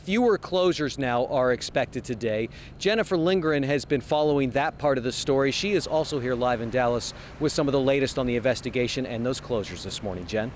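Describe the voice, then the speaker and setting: Reporting live for TV news from a city street outside an event venue, this man talks fairly quickly and barely pauses. Outdoor street sounds and traffic rumble are audible behind him.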